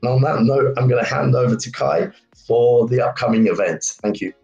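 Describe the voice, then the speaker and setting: A man with a croaky, hoarse voice, a marketing lead giving prepared remarks in a steady, measured way. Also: mid-range voice, dull audio, faint music behind. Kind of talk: prepared community update remarks.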